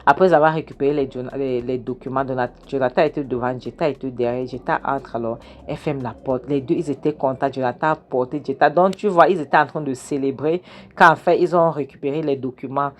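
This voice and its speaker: A woman's voice: very deep voice, fairly even intonation, a little fast, a little hiss or hum. A woman casually retelling a film scene by scene from her kitchen, acting out the characters' lines with animation. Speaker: film recap narrator. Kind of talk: casual film recap storytelling.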